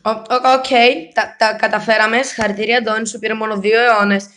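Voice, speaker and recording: Excitable high-voiced male gamer. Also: heavy background noise. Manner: excitable, self-mocking, mixes English exclamations. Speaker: mobile game player. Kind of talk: gameplay commentary.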